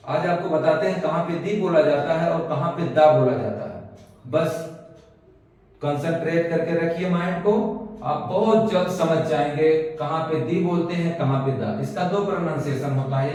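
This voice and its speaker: A man's voice: on the high side, darkish tone. A male coaching teacher giving a classroom grammar lesson, asking his own questions and answering them. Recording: echoey room, mic far off.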